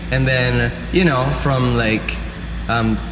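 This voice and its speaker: Man in his thirties from the Philippines, relaxed chatty guest, echoey room, loud hum behind. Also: medium pitch, slow pace. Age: 30s. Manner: relaxed and chatty, with many fillers. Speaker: guest, dancer and teacher. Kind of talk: casual interview chat. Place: university room.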